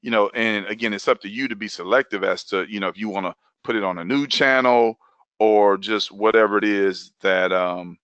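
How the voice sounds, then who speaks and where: A man's voice: on the low side, moderate pace, fairly bright tone, clear, resonant tone, dry recording, dull audio. A man coaching an online class on video content, talking loosely and repeating key phrases for emphasis. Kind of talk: live online training session.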